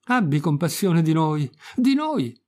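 A man's voice: on the high side, very animated, measured pace, darkish tone, no room sound, voice pushed up. A man reading the part of an old, sly fox begging in an audiobook, with a whining, wheedling tone.

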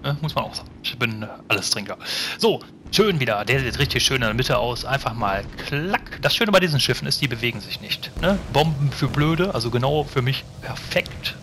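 A man's voice: mid-range voice, expressive, brisk, pushed and bright, slight background noise. A man giving casual, rambling gameplay commentary to his viewers, chatty and swearing now and then.

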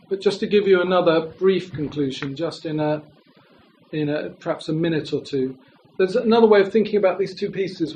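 A man's voice: on the high side, darkish tone, slight background noise, low-quality recording. A man giving an academic presentation, speaking in a thoughtful, exploratory way with hedging phrasing. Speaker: lecturer.

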